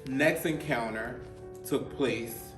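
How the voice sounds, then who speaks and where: Man telling a hard story, halting. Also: mid-range voice. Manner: halting, repeats himself, many "like" fillers. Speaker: host. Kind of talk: personal storytelling. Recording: roomy, distant mic, faint music.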